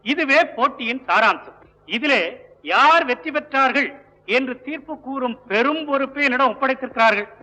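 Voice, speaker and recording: A formal dignified judge. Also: male voice, very high-pitched, normal speed, bright, forceful tone, heavily acted. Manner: formal, ceremonious speech. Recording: old film soundtrack with reverb.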